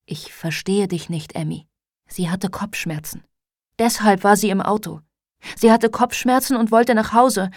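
A woman's voice: mid-range voice, unhurried, darkish tone, no echo. A woman reading the part of a tired middle-aged father who speaks in a weary, blunt way, in a dry studio audiobook recording.

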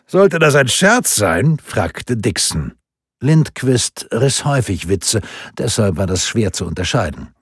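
A man reading a novel aloud as an audiobook narrator, with an expressive, varied storytelling delivery. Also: sits low, husky, no echo, clean studio sound.

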